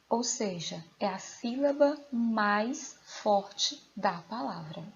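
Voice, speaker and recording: A woman with a Brazilian Portuguese accent, a teacher giving a recorded lesson to young pupils, asking them questions slowly and clearly. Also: on the high side, darkish tone, dull audio, a little hiss or hum. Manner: slow, clear, questioning delivery to children. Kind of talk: recorded remote school lesson.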